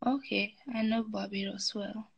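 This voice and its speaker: A woman's voice: mid-range voice, fairly even intonation, unhurried, gravelly, husky, highs cut off. Saint lucian lady calling in on her phone, chill and blunt, middle voice. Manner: frank, easygoing, laughs easily. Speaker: caller. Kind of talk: casual chat. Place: indoors at home.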